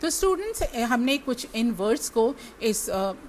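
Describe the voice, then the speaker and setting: An Indian woman teaches English to her students, spelling each word out letter by letter and repeating it as she speaks to them directly. Her voice is fairly high and sing-song with a darkish tone, her pace unhurried, and a faint hiss or hum sits under the recording.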